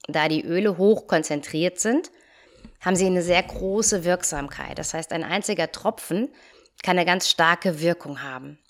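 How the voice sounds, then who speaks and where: Still slightly congested from a cold, a young yoga teacher and coach talks on her solo podcast with a fairly low pitch. She addresses the listener directly in a calm, friendly way.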